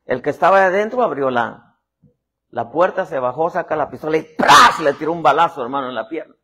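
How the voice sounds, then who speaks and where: Man, preacher, sermon, husky, very expressive pitch. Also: brisk. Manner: animated preacher acting out voices, constantly saying "hermano". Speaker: apostle preaching.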